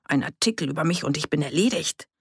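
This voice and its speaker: A reader voicing an anxious, hushed village man. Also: expressive, fast, slightly rough, no room sound, clean studio sound. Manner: low, hushed, whispering at times.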